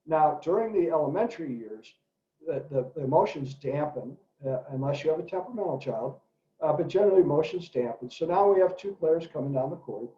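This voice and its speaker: A middle-aged man, an educator, giving an animated talk to parents and telling stories in character voices, in an echoey room with dull lo-fi sound. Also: fairly high pitch, a little fast. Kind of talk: presentation for parents.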